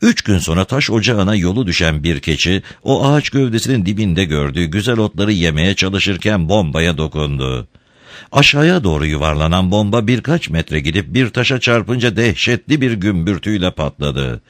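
Deep voiced guy reading a story out loud, really lively delivery, dry close mic. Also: normal speed, no echo. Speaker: narrator.

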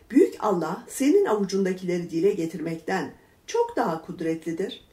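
Woman reading a religious tale, roomy echo. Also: mid-range voice. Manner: measured, expressive reading with verse numbers read aloud. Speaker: reader. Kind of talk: narrated religious storybook reading. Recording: echoey room.

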